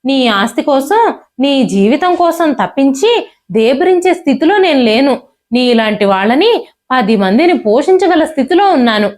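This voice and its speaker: A woman's voice: sits high, very animated, moderate pace, darkish tone. A woman voicing a stern, proud lady of the house with a cold, cutting way of speaking. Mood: firm.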